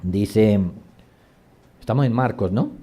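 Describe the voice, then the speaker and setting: A man's voice: lowish voice, slow pace, dark tone. A man preaching a sermon as pastor, reading scripture aloud and driving his points home with frequent rhetorical questions. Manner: reads scripture passages aloud.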